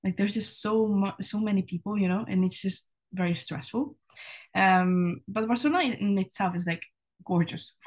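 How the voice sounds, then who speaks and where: A woman's voice: mid-range voice, moderate pace. A young woman from Spain, a university student, chatting casually as a podcast guest, with many "like" and "you know" fillers. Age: young adult.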